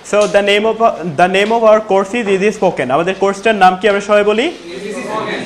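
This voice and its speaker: A man's voice: high-pitched, steady tone, normal speed, slight background noise. A man teaching spoken to a classroom, asking questions and calling on students. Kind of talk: classroom teaching, mixing Bengali and English.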